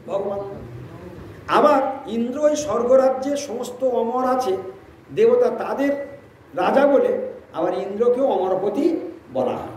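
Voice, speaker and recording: A man's voice: very high voice, a little mellow. A man giving a devotional sermon, telling a story and asking the listeners rhetorical questions, often repeating himself. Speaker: preacher. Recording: very echoey room, distant mic, faint noise.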